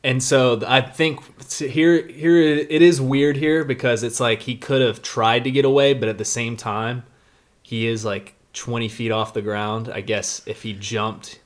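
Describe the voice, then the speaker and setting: A man's voice: medium pitch, steady tone, measured pace. A man co-hosting a podcast with a stuffed-up nose, thinking aloud hesitantly in casual chat. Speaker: podcast co-host.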